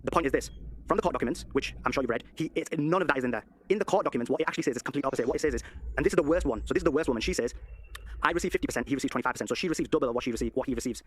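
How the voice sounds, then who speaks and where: A man arguing heatedly in an online debate, cutting in with rapid repeated "no, no, no" as he presses his point. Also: medium pitch, slight background noise. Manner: argumentative, interrupts with rapid repeated "no, no, no". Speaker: legal commentator in a debate.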